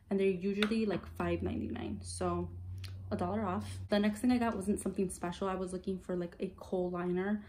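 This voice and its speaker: A young woman beauty vlogger chatting casually to camera in a hushed, low voice so as not to wake someone sleeping. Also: a little hiss or hum. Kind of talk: casual chat to camera, makeup haul.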